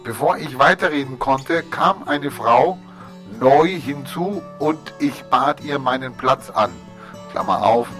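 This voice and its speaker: A man co-hosting a casual radio show, telling an anecdote with teasing asides to his partner. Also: mid-range voice. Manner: animated storyteller with teasing asides. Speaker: co-host.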